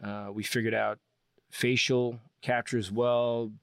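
A man's voice: medium pitch, level tone, a little slow, gravelly, smooth, no echo, studio quality. A man, a guest on an interview show, telling long enthusiastic stories about his work with lots of restarts. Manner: enthusiastic, rambling explanations with frequent restarts. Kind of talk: casual interview storytelling.

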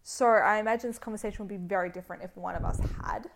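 A woman's voice: mid-range voice, steady tone, rapid-fire, gravelly, background noise. A young woman co-hosting a podcast in casual chat, reflective and asking probing questions. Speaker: podcast co-host.

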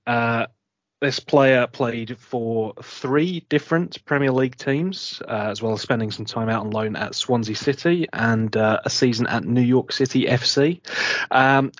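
A man's voice: mid-range voice, no echo. A man with an Essex accent, hosting a casual football panel talk. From Essex, England. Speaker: podcast host. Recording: dull, lo-fi close recording.

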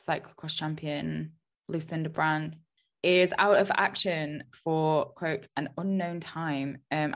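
A woman hosting a podcast with a voice that sits a little low. She chats casually and pokes fun at herself, scattering ums as she goes. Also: fairly bright tone. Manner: chatty, self-deprecating, filler-heavy. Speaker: podcast host. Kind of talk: casual chat.

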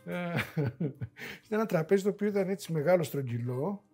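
A man who is a podcast guest, telling stories in a casual, animated way with frequent asides. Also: high voice, breathy edge. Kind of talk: casual storytelling interview.

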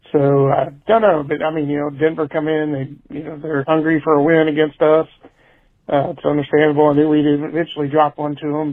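A man's voice: on the high side, no echo. A man leaving a voicemail for a talk show over a phone line, giving his take in a blunt, casual way, swearing and shrugging things off. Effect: voicemail played over a phone line. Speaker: caller. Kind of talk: casual call-in rant.

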